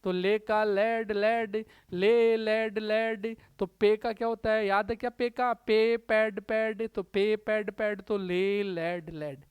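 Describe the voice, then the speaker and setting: A man's voice: high voice, fairly even intonation, slow pace, hardly any pauses, clean tone, no room sound. A man from India with a Rajasthani Hindi accent, teaching English grammar in a classroom-style lecture. He drills verb forms by saying them over and over and talks to his students as brother. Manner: drills word forms aloud by repetition; chatty, addresses students as brother.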